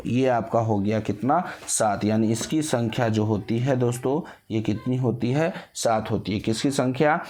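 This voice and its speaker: A man teaches an exam-prep class in a warm, medium-pitched voice, repeatedly posing questions and answering them himself. He draws vowels out slowly to demonstrate their length.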